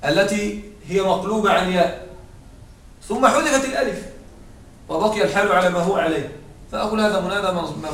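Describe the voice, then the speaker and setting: Man teacher, high voice, patient step-by-step explaining, roomy echo, mic set back from him. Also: a bit bright. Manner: explains step by step, often checks understanding; slows down to dictate parsing phrases. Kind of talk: Arabic grammar lesson. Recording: echoey room, distant mic, faint noise.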